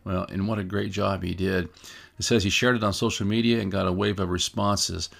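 A man's voice: deep voice, fairly even intonation, a little fast, creaky, fairly bright tone. A man hosting a show, giving casual, musing commentary and reading out articles in a conversational way. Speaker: host of a UFO news show.

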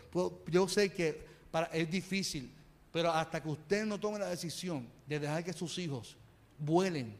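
Brief: male pastor in his thirties, conversational sermon in a church hall. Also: on the high side. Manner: earnest, conversational preaching with rhetorical questions. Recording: reverberant hall.

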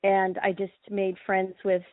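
A woman's voice: mid-range voice, a little slow, no room sound. A middle-aged woman from Hawaii talks casually as a winemaker guest, loose and full of ums and restarts. Her voice comes through a thin, phone-like line that sounds dry and close, with no room around it. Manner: relaxed, many ums and restarts. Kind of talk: casual interview chat.

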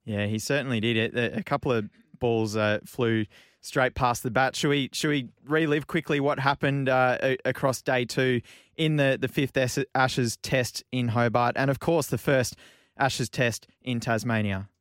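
A man's voice: medium pitch, fairly even intonation, moderate pace, a bit bright, clean tone, no echo, studio quality. A man hosting casual sports chat, hesitant, often stammering as he restarts. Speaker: cricket podcast host.

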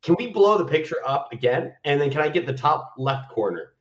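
A man's voice: a little high, sing-song, brisk, roomy sound, lo-fi sound. A man hosting a show with casual, comedic frat-bro banter. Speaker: show host.

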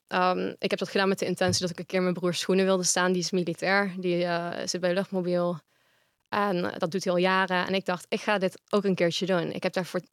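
A woman's voice: lowish voice, dry recording, studio quality. A woman guest in a casual interview, speaking frankly and at length.

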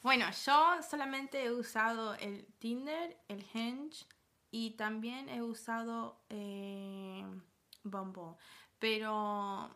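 Argentine woman, podcast guest, bright and fairly high, hesitant delivery. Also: fairly even intonation, takes it slowly. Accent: Argentine Spanish. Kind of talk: casual chat.

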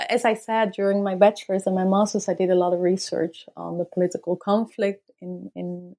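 A woman in her late thirties with a gravelly, creaky voice. She is from the Netherlands and is a native Dutch speaker talking in English. She answers interview questions thoughtfully, hesitating often with fillers and laughing easily. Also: mid-range voice, darkish tone. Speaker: anthropologist, guest.

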